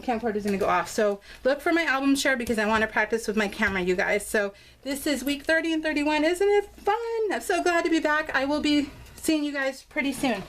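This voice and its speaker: An American woman who vlogs about crafts walks through her scrapbook album in chatty, bubbly, gushing narration. Her voice sits on the high side, with slight background noise.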